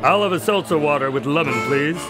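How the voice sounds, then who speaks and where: A man's voice: fairly high pitch, fairly quick, over music, natural voice. A man playing a long-suffering doctor, a detective's loyal sidekick in a radio drama, grudging and dryly humorous. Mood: dry, thoughtful. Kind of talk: scripted radio drama acting and narration.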